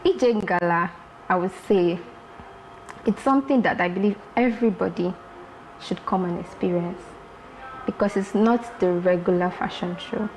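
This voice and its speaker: A woman from Lagos, Nigeria, a fashion designer talking as a guest in a casual interview, lively and repeating herself for emphasis. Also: lowish voice, normal speed, pauses often, a little hiss or hum, rough recording.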